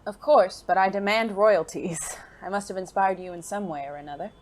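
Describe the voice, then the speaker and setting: In an audio drama, an actor voices a suave, genteel gentleman spy, using formal, refined phrasing with a playful, flirtatious, teasing edge. His mid-range voice moves at normal speed and is only lightly acted.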